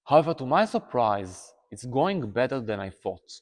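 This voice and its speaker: A man in his thirties, a native Hebrew speaker with an Israeli accent, sits indoors and talks to the camera as an activist, earnestly appealing to viewers. He restarts words and uses many fillers, his mid-range voice sing-song at a normal speed. The lapel mic recording has a big-room sound.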